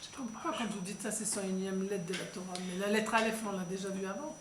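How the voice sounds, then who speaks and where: Quick student voice, distant and echoey. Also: medium pitch, steady tone. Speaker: student in the class. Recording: distant, echoey, with clear background noise.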